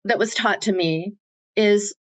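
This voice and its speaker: A woman's voice: medium pitch, unhurried. A woman guest who works as a self-empowerment coach, explaining her ideas in an earnest, coaching way during an interview. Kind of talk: conversational interview.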